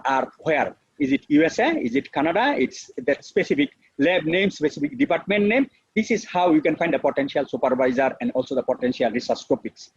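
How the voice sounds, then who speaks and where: A middle-aged Bangladeshi professor, a native Bengali speaker with a Bangladeshi accent, gives an unscripted webinar lecture in an earnest, repetitive way packed with fillers. His voice is slightly high and husky, with no room sound. The video-call audio is dull and lo-fi.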